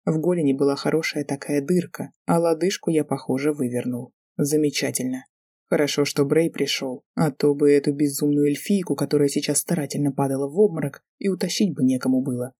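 Woman narrator, audiobook, mellow tone, husky, dry close sound. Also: low-pitched, brisk, no room sound. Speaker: audiobook reader.

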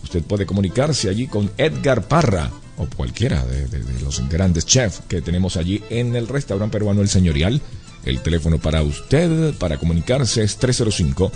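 A man's voice: deep voice, big pitch swings, normal speed, darkish tone, faint music behind. A man hosting a live radio show, reading an ad and repeating addresses and phone numbers, slipping into English at times. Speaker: radio host. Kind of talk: live radio talk with ad reads.

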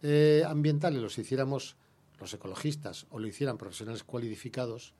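A man's voice: medium pitch, fairly quick, warm tone. A man with an Andalusian Spanish accent, an environmental activist guest in a radio interview, talking heatedly and firing off rhetorical questions.

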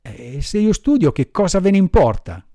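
A man's voice: high-pitched, sing-song, moderate pace, warm tone, dry recording, heavily acted. A man voicing a cheeky young wooden puppet boy in a storybook reading, mocking and sure of himself.

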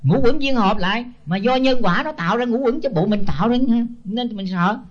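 A man's voice: high voice, fairly quick. An older man, a senior Buddhist monk giving a blunt, scolding sermon full of rhetorical questions. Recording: dull lo-fi tape.

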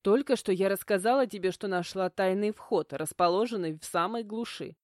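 A woman's voice: medium pitch, normal speed, a little mellow, no echo, studio quality, lightly acted. A woman voicing a stubborn young female student who snaps back indignantly in an audiobook. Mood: accusing. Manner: snappish, indignant.

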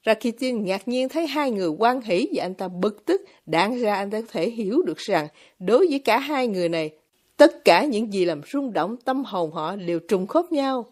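A woman narrating a novel as an audiobook in a steady storytelling delivery. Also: medium pitch, normal speed. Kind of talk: scripted narration.

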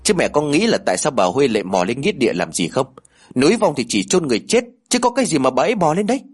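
A man's voice: a little high, slightly rough. A man voicing an edgy, gossipy young man. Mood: complaining. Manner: quick, gossipy, excited. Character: young man, nosy and uneasy younger brother.

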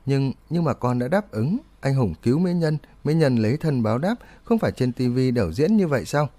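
A man's voice: mid-range voice, animated, fairly quick, dark tone, natural voice. A man voicing a clingy, coaxing young woman who talks in a sweet pleading tone.

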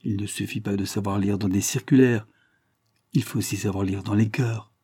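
A man reading aloud, voicing a confident, hearty male police chief with a vibrant, brisk manner. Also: fairly low pitch, steady tone, dark tone, husky, dry recording, clean studio sound.

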